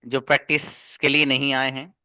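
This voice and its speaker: A man's voice: medium pitch, flat delivery, moderate pace, pushed and bright, smooth, dry recording. A man teaching an online English class, speaking earnestly and reassuringly to his students and repeating points for emphasis. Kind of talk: live online class, encouraging lecture.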